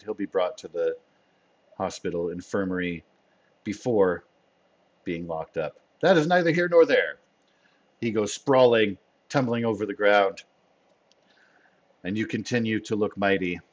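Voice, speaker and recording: A man narrating as game master of a tabletop role-playing game, playful and quick to laugh. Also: fairly low pitch. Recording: dull lo-fi sound.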